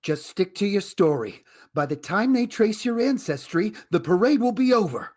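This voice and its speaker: A woman playing a fast-talking, wisecracking man who calls his girlfriend "chicken" in a radio comedy. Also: medium pitch, sing-song, a little mellow. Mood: scheming. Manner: smooth, fast-talking, slangy. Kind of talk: amateur radio drama reading.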